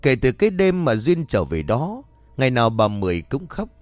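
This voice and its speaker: A man narrating a ghost story with dramatic, expressive telling. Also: mid-range voice, moderate pace. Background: faint music.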